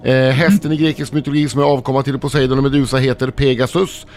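A man reads quiz questions briskly on a radio show, his voice at an ordinary middle pitch. He sounds matter-of-fact as he works through the list. Faint music plays under him in the studio. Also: level tone, a little mellow.

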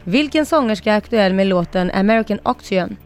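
A woman's voice: medium pitch, animated, clean tone, faint music behind. Upbeat woman reading quiz questions. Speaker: radio co-host and quizmaster. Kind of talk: radio show banter and quiz reading.

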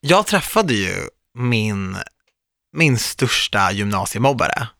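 A man in his thirties, hosting a podcast, telling a personal story in a lively way and acting out the people in it. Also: lowish voice, dry recording, clean studio sound. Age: 30s. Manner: animated storytelling, quotes others vividly. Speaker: podcast host. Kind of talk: casual podcast chat.

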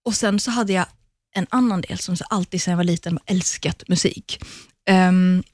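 A woman's voice: on the low side, a little mellow, no echo. Bubbly, chatty woman in a dry radio studio. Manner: bubbly and chatty, lots of laughter and fillers. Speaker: radio guest, talent show judge. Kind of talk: casual radio interview chat.

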